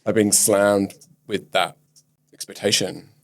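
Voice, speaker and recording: Gravelly male therapist. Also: fairly low pitch, takes it slowly. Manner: calm, gentle, inviting questions. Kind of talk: gentle guided therapy session.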